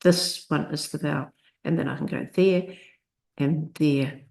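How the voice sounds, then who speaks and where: A woman's voice: deep voice, steady tone, creaky, darkish tone. A woman teaching literacy, narrating a lesson that breaks long words into parts and sounds out each piece with care. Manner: slow, deliberate, sounds out word parts. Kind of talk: instructional screencast narration.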